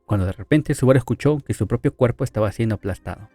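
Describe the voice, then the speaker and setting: A man's voice: mid-range voice, fast talker, mellow, soft background music. A man casually retelling an anime light-novel story, with chatty asides to the viewer.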